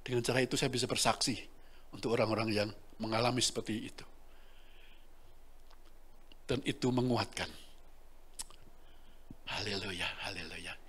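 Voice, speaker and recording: A man's voice: lowish voice, steady tone, normal speed, long pauses, fairly bright tone, slightly rough. A middle-aged man preaching a sermon, talking directly to the congregation and laughing between lines.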